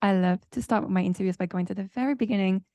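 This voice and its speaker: A woman hosts a podcast and leads with curious, open questions. Her voice carries a strong gravelly fry. It is recorded dry, with no room sound. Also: medium pitch, fast talker, mellow, no room sound. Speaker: podcast host.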